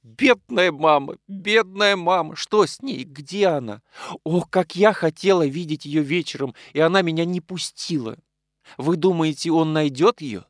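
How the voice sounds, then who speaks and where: A man's voice: on the high side, lively intonation, a little slow, a bit bright, no room sound, clean studio sound, voice pushed up. A man reading an audiobook, voicing a tender, emotional young woman in an earnest, pleading tone. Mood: distraught.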